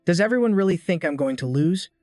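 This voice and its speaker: A man's voice: high-pitched, animated, fast, a little mellow, no room sound, clean studio sound, soft background music. A man voicing a blustering hothead senior student. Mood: scheming. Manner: blustering, taunting. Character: boastful, hot-tempered male senior student.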